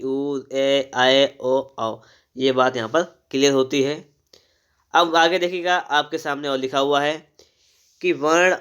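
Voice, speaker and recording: A man's voice: on the high side, a bit bright, smooth. A man teaching a grammar lesson, reading from a book and explaining step by step, often asking a question and answering it himself.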